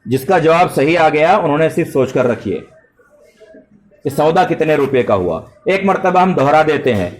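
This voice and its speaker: A man's voice: fairly high pitch, lively intonation, moderate pace. A middle-aged man teaching math to a full classroom of children, speaking politely and praising them. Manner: addresses students with polite forms and praise.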